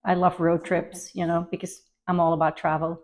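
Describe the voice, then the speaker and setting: A woman's voice: fairly low pitch, little pitch movement, moderate pace, darkish tone, rough recording. A middle-aged woman from Belgium with a slight Belgian accent, chatting casually as an interview guest with many fillers. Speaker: guest, luxury travel advisor.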